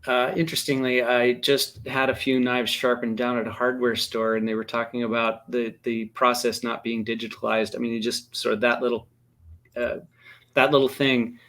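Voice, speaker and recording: Brief: male co-host, casual anecdotal rambling, average pitch. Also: flat delivery, moderate pace, a bit bright. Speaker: podcast co-host. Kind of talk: casual discussion.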